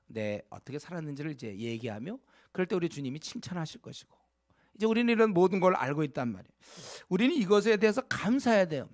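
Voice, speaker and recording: A man's voice: medium pitch, no room sound, studio quality. A male pastor preaching a sermon, earnestly urging his congregation, with frequent fillers and direct questions to the listeners.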